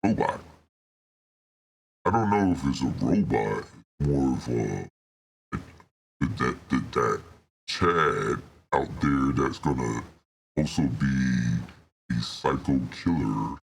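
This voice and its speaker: A man through a deep gravelly voice changer. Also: animated, takes it slowly, long pauses, a little hiss or hum, heavily acted. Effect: voice changer pitching his voice very deep. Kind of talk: casual product demo.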